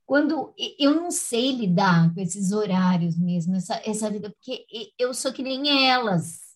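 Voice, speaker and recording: A woman's voice: mid-range voice, animated, normal speed, poor audio. A woman host talking in a chatty, reflective way. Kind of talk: casual chat.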